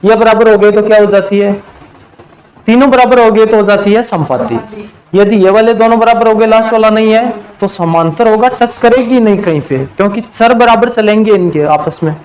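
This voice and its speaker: High-voiced man teaching math, quizzing. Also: a little mellow, rough recording. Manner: quizzing, asks students questions and answers them himself; slows to a drawn-out pace on key terms. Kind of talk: classroom math lesson.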